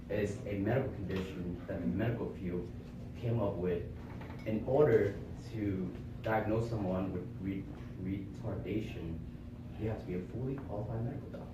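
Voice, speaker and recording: Addressing a small audience, a young club speaker who was born in Vietnam and grew up in Florida works through examples and rhetorical questions in an earnest, explanatory prepared speech. His voice sits on the low side. Because the camera is far off, heavy room echo and background noise come through clearly.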